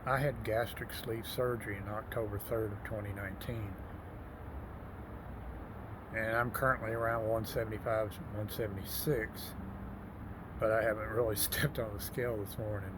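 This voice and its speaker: A man in his sixties works as a motivational fitness vlogger, talking plainly and casually to his viewers and calling them folks. His voice is lowish, with fairly even intonation and normal speed. Vehicle ambience makes the recording noisy.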